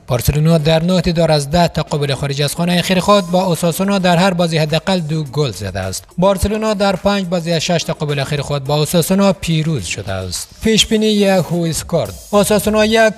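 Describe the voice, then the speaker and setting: A man's voice: a little high, sing-song, hardly any pauses, faint music behind. A man narrating scripted football news in a formal newsreader manner, as a studio voice-over.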